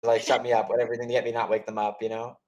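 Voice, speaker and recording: A man of middle pitch hosts an informal chat and tells long stories. He rambles, restarts his sentences and leans on "like". When he quotes people he jumps up in pitch to act out their voices. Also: completely flat delivery, fast talker, a little mellow, dull audio. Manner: rambling, heavy use of "like" and restarts. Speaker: host of office hours. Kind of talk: casual storytelling chat.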